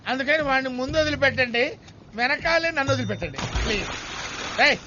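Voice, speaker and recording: An actor playing a cowardly comic man who whines and pleads fast, in a dubbed film comedy. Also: very high voice, lively intonation, background noise. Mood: panicky. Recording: slightly dull film soundtrack with music.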